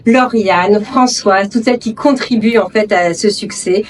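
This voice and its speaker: A woman making a thankful public speech at a book event, warm and a little hesitant. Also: mid-range voice, unhurried, slight background noise. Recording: distant event recording.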